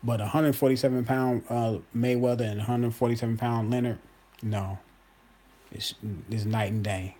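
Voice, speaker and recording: Husky guy in his 40s ranting casual to the camera, keeps repeating himself, talks to y'all. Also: mid-range voice, steady tone, normal speed, dark tone. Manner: emphatic, repeats himself, addresses viewers as y'all. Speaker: boxing commentator host. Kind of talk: casual opinion monologue.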